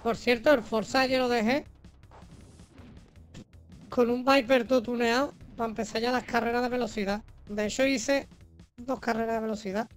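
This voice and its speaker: A woman's voice: a little high, steady tone, moderate pace, pauses often. A woman with a Spain accent chatting casually as she streams a video game, slangy, joking and foul-mouthed. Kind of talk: casual gaming livestream chat. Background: video game music.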